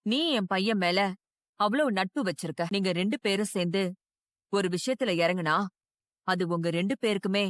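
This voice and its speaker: A middle-aged woman voicing the hero's kind mother, who gently encourages a partnership in a drama dub. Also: mid-range voice, normal speed, no room sound, clean studio sound, natural voice. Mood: encouraging. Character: kindly mother of the hero.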